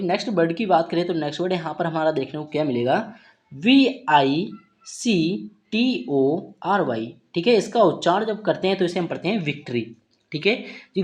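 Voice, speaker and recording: A woman's voice: fairly low pitch, a little mellow. A woman teaching an English vocabulary lesson, spelling words out letter by letter and checking in with a repeated "okay" after each point.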